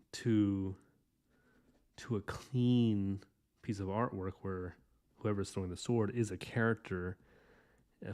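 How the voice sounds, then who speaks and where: A man's voice: low-pitched, a little mellow. A man in his thirties talking loosely through a drawing lesson as he sketches, rambling and chatty with many restarts. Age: 30s. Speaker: artist hosting a drawing podcast. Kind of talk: casual drawing tutorial while sketching.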